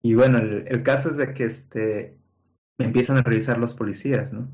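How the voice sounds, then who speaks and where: A man's voice: mid-range voice, moderate pace, muffled recording. A man with a Mexican accent telling a personal story casually, tagging sentences with "¿no?" and acting out what people said. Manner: animated storyteller, acts out quotes, many fillers like "¿no?" and "este".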